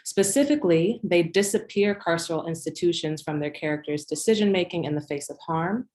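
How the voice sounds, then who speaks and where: A young woman reading a scripted conference talk as a presenter, formal and composed. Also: low-pitched. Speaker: academic presenter, doctoral candidate.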